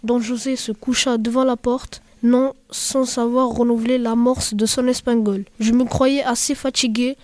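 A woman narrating a story in measured, scripted narration. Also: on the high side, level tone, a little mellow, no echo.

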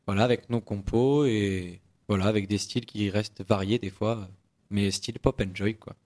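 A man's voice: fairly low pitch, steady tone, moderate pace, darkish tone. A man from a band chatting casually in a radio studio interview, rambling a little with restarts. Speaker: band member.

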